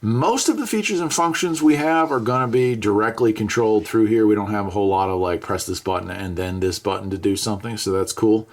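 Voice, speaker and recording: Talking a little fast with few pauses, this American radio reviewer and video host gives an enthusiastic, conversational product review in a lowish voice. He repeats phrases for emphasis, over clear background noise and handling clicks.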